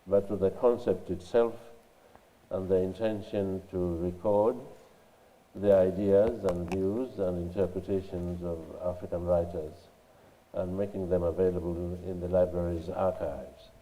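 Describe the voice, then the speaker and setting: An older man with a nasal voice from a cold, answering interview questions in a measured way with many pauses and fillers. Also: sits low, fairly even intonation, a little hiss or hum. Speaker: interviewed scholar and writer. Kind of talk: recorded library interview. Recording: dull sound with long reverb in a hall.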